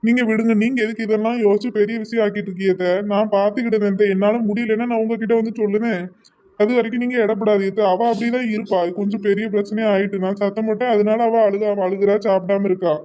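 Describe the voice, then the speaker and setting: A defensive young husband in a cartoon family drama, voiced by a performer. His mid-pitched voice talks fast and brushes the questions off. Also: fairly even intonation, mellow, dull audio, natural voice. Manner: quick, defensive, dismissive.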